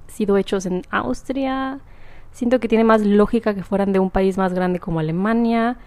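A young woman, chatting casually to camera, rambling and laughing often. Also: mid-range voice. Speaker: vlogger.

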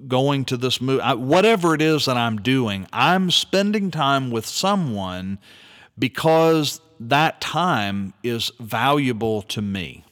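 A man speaks in an unhurried, deliberate monologue, his pitch rising and falling expressively as he poses rhetorical questions. His earnest, reflective delivery carries a long reverberant tail, as if recorded in a hall. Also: animated, a bit bright. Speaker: speaker commenting on an article.

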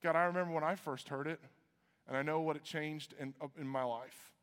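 A man's voice: a little fast, clear, resonant tone. A man from Iowa preaching a sermon as pastor, conversational with joking asides. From Iowa, USA. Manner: conversational, joking asides, lively swings in pitch. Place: church auditorium. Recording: reverberant church hall.

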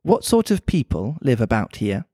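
A man voicing a polite, curious young girl, raising his pitch for her questions. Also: big pitch swings, normal speed, warm tone, no echo, studio quality.

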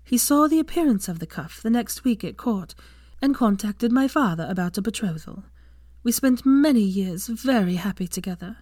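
A woman voicing the kindly old noblewoman in an ancestral portrait, telling a story gently. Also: medium pitch, lively intonation, normal speed, dry recording, studio quality, pitched above the performer's own voice, lightly acted.

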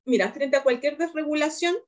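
A woman's voice: sits high, fairly quick. A Chilean woman in her thirties, animatedly recounting a family conflict in a counseling session and acting out what others said. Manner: animated, acts out quotes of her daughter and partner.

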